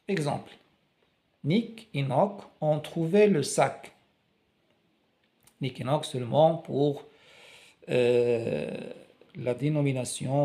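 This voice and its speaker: A man teaching French reading, saying syllables and words slowly and repeating them so learners can copy the sounds. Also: medium pitch, mellow. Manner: slow, deliberate, repeats words to model pronunciation. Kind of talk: slow syllable-by-syllable reading lesson.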